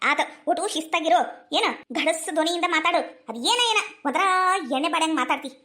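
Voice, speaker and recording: A woman's voice: very high voice, brisk, pushed and bright, slight background noise. A woman playing a bossy, nagging village mother with a North Karnataka accent in a comedy skit. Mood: scolding. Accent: North Karnataka Kannada. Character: scheming, scolding middle-aged village mother.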